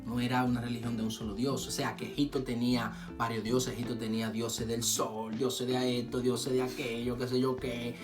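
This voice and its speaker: A man preaching in a casual conversation, telling a scripture story with lively acted-out dialogue and urging his listeners on. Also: medium pitch, normal speed, hardly any pauses. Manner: animated storytelling, acts out dialogue, exhorts listeners. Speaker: co-host of a faith talk show. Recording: phone recording with guitar music behind.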